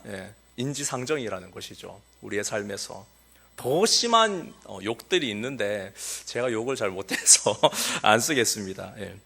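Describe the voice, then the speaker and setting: A man's voice: mid-range voice, gravelly. A man preaching a sermon as a pastor in a church, using many filler sounds and acting out the voices of the people he quotes. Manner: animated, acts out quoted voices of children and Jesus. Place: church sanctuary.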